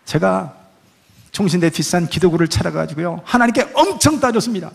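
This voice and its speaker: High, gravelly-voiced preaching man. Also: expressive, fairly quick. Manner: emphatic, rhetorical questions to the congregation. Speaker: pastor. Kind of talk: sermon.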